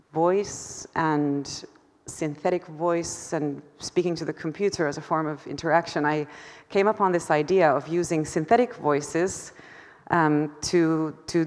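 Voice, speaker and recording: A low-pitched woman presents her own artwork in a lecture hall, her voice trailing a long reverb. She talks haltingly, restarting phrases and filling pauses, laughing at herself now and then. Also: darkish tone. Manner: hesitant, many fillers and restarts, self-deprecating laughter. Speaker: artist presenting her work. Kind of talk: conference talk.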